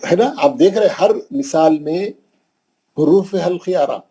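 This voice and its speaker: In this classroom lesson on Quran recitation rules, the Hyderabadi-accented teacher from India drills pronunciation, going over every example again with patience. He speaks in an unhurried, mellow, slightly high voice with a breathy edge, captured in a rough recording.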